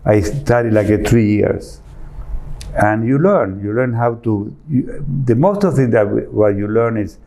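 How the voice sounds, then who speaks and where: A man's voice: medium pitch, lively intonation, a little slow, gravelly, dark tone. A man from Argentina with an Argentine accent, an architect answering interview questions earnestly, often rephrasing as he searches for words. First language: Spanish. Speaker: architect guest.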